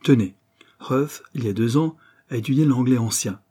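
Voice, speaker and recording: A man reading the part of a frank young man who argues in a brisk, sardonic way. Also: mid-range voice, warm tone, breathy edge, close to an everyday voice. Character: frank, blunt young man, mocking lecturer.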